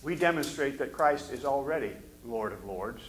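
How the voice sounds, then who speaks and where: An older man preaching a fervent sermon from a church pulpit, often sinking to low, intense tones between amens. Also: animated, moderate pace. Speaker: pastor. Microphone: pulpit mic. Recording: echoey sanctuary.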